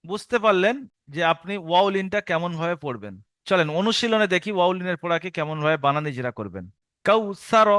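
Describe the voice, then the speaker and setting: A man's voice: sits high, a bit bright, no room sound, studio quality. A man teaching Quran reading to adults in a recorded lesson. He patiently repeats each rule for learners to memorize and draws out the syllables as he spells them.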